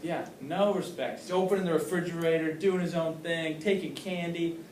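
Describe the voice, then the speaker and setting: A man's voice: fairly high pitch, fairly even intonation, normal speed, a little mellow, slight background noise. Upbeat male teacher in a roomy classroom. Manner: upbeat, questioning, praising answers. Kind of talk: classroom lesson. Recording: roomy classroom, mic far off.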